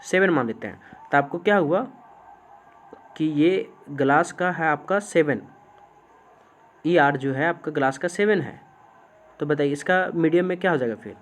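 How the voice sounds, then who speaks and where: Man, physics teacher, fairly high voice, question-and-answer lecturing, slow dictation of definitions. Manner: asks the class questions and answers them himself. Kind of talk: classroom lecture.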